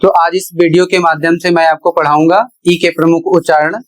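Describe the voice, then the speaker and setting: A male English teacher giving a blackboard lesson, slow, patient and repetitive, asking questions and then answering them himself. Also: a little high, little pitch movement, rough recording. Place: at a board.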